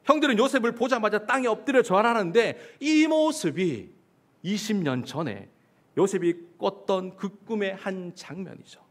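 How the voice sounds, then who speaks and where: A male pastor delivers a sermon in church, his voice pitched high and moving up and down a great deal. He keeps asking the listeners questions and answering them himself. At times he acts out the quoted lines in a mocking voice. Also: animated, moderate pace.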